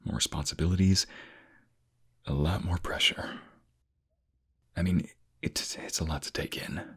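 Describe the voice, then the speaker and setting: Man as a very deep, breathy boyfriend in whispered role-play. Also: fairly even intonation, measured pace, full character voice. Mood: tender, soothing. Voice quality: low, breathy, gravelly. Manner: soft, gentle, soothing, intimate. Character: tender, reassuring boyfriend comforting his crying partner.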